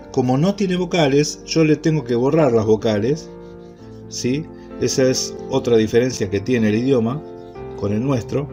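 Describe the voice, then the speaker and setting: Male teacher, mid-pitched, unhurried classroom lecture with faint music behind. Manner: slow, repetitive, checks in with frequent "¿sí?". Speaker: Hebrew teacher.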